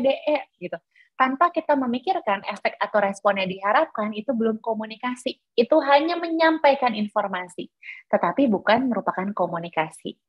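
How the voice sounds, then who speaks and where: A teacher trainer delivers an explanatory workshop lecture to teachers, often dropping fillers like "nah" and "gitu ya" between points. Her voice is a little high and slightly rough, and the recording sounds dry and muffled.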